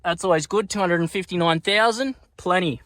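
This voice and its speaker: A man's voice: high-pitched, fairly quick, a bit bright, dry recording. An Australian man chatting casually in a vlog as he works on a car, with laid-back, sweary, blokey Aussie slang. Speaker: car build vlogger. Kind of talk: casual vlog chat while working on a car.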